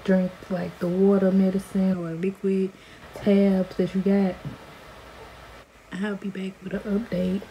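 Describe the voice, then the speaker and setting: Low-key young American woman, flat delivery. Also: a little slow, muffled recording. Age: 20s. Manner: informal, conversational. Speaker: vlogger. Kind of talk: casual chat to camera. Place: small indoor room at home. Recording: noticeable background room noise.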